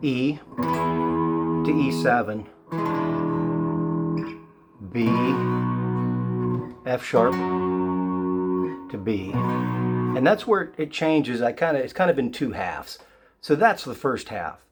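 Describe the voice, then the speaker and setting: Raspy guy teaching guitar, kinda sick sounding, lots of ums, guitar loud behind him. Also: medium pitch. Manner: relaxed, halting, with many fillers. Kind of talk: casual guitar lesson.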